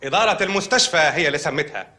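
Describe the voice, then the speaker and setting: An actor playing a matter-of-fact hospital doctor in a comedy film, with an Egyptian Arabic accent. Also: male voice, fairly high pitch, expressive, rapid-fire, bright, forceful tone. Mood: deadpan. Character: deadpan hospital doctor delivering odd news.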